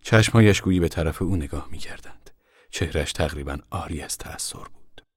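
Very deep-voiced male narrator. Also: husky, dry recording, clean studio sound. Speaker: audiobook narrator. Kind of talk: scripted narration.

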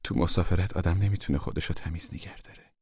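A man reading an audiobook, voicing a wary, proud migrant mother in a soft, guarded voice. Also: low voice, slightly rough, no room sound, studio quality. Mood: guarded warmth. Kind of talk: audiobook character voice.

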